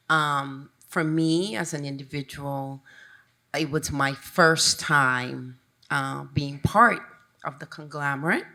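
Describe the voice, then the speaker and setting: A woman's voice: sits low, gravelly, pushed and bright. A woman from Honduras, speaking as an advisor on a panel, reflective and searching for words as she talks. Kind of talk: panel discussion.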